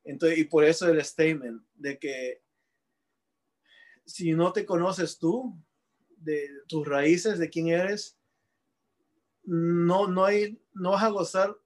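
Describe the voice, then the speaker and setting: A man's voice: fairly high pitch, unhurried, long pauses. A man from Peru, a painter, telling a personal story in an interview, slipping into English words and often restarting his sentences.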